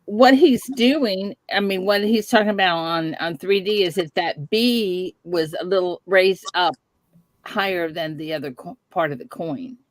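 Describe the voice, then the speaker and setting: A middle-aged woman's voice sits on the low side as she hosts a casual live-stream chat, a little slowly. Speaking with a Southern Texas accent, she's giggly and easygoing with viewers. There's no room sound.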